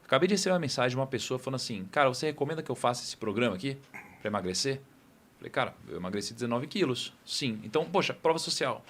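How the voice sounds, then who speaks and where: A man's voice: medium pitch, expressive, very fast, fairly bright tone, a little hiss or hum. A man speaking as a podcast guest, explaining ideas thoughtfully with frequent tag questions into a studio mic. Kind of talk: casual podcast discussion.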